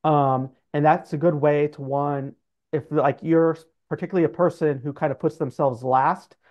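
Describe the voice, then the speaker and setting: The guest, a middle-aged financial adviser, speaks at a normal speed in a steady tone, his voice on the high side. He is being interviewed over a video call from his office, and he explains informally, leaning on qualifiers like "sort of" and "like," with dull audio.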